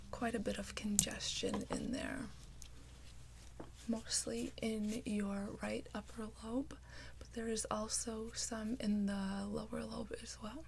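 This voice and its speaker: A woman doing a whispered role-play as a caring nurse, with a gentle, reassuring bedside manner. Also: fairly high pitch, vocal fry, a little hiss or hum. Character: caring, attentive female nurse. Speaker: ASMR performer playing a nurse.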